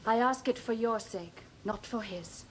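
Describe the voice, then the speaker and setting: A woman's voice: a little high, unhurried, a little hiss or hum, lightly acted. A woman playing a frightened young wife who pleads and protests anxiously in an old film drama. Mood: pleading.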